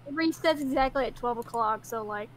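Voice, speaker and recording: High-voiced woman gamer. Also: fairly quick, a little hiss or hum. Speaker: co-player. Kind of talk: casual gaming chat.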